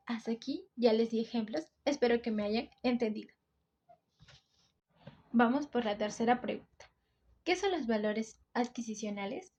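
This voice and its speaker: A Peruvian teenage girl with a coastal accent presents a school topic in a video, her voice a little high with a darkish tone. As a student presenter she explains it step by step, often saying "entonces."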